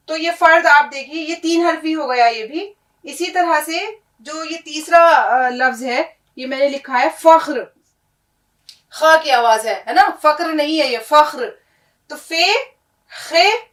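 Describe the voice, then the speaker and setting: A woman's voice: high voice, a bit bright. A woman teaching a letter-by-letter language lesson, patient, repeating and checking in with her students. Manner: patient, explains and repeats, asks "है ना?" often. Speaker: Urdu teacher. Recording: echoey room, mic at a distance.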